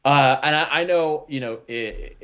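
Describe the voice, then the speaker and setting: A man's voice: mid-range voice, measured pace, fairly bright tone, clean tone, lo-fi sound. A man co-hosting a comedy call-in show, talking hesitantly with many stammered restarts. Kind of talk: improvised comedy talk.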